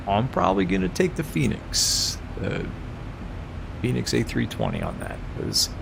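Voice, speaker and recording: A man chatting casually and informally as a flight simulator streamer. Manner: laid-back, informal. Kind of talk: casual livestream chat mixed with pilot radio calls. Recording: clear rumbling background noise.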